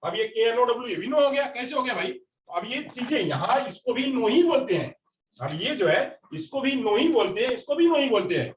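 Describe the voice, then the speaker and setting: Man, teacher, classroom lecture, repeats phrases, quizzes the class, high voice, roomy distant recording. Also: big pitch swings, a little fast, slight background noise.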